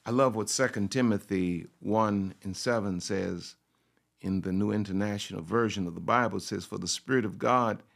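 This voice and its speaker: In a lowish, gravelly voice and at a moderate pace, a pastor delivers a sermon built on repetition and rhetorical questions. To make his point he occasionally takes on the first-person voice of a self-assured woman.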